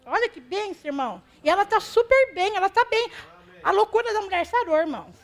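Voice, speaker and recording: A woman's voice: extremely high pitch, expressive, a little fast. A Brazilian woman giving an emotional, self-deprecating testimony to a church congregation. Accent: Brazilian Portuguese.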